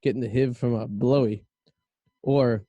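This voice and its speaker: Male host, mellow mid-pitched voice, close dry sound, casual banter. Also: fairly even intonation, measured pace, no echo. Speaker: podcast host.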